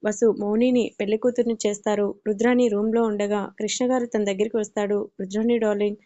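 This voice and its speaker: A woman storyteller narrating an audio story in a calm, steady reading voice. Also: medium pitch, quick pace, dull audio.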